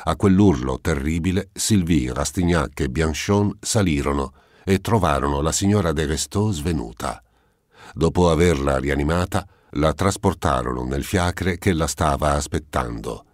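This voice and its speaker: A man narrating a classic novel as an audiobook, in a measured, solemn way. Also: a bass voice, no room sound, studio quality. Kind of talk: scripted literary narration.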